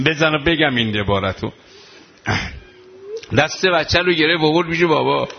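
A man's voice: on the high side, vocal fry, muffled recording, slight background noise. A man preaching an impassioned mourning sermon, his voice breaking into weeping and wailing.

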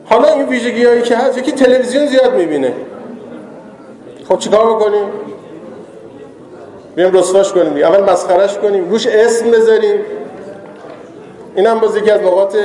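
A man's voice: high voice, warm tone. A man giving a chatty, joking religious talk to a live audience that builds to emphatic moralizing. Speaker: religious lecturer. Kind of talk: conversational sermon to a live audience. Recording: echoey hall with long reverb.

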